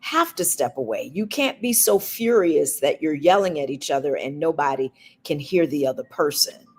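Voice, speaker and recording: A woman co-hosting a talk show, giving relationship advice in a slow, deliberate and emphatic way. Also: sits low, a little mellow, husky. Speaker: podcast co-host.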